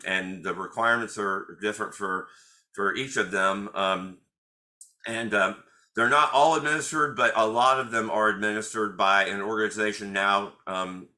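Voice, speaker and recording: Lowish, sharp-toned man hosting a webinar. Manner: hesitant, many fillers and restarts. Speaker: attorney hosting a monthly Q&A webinar. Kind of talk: informal webinar presentation.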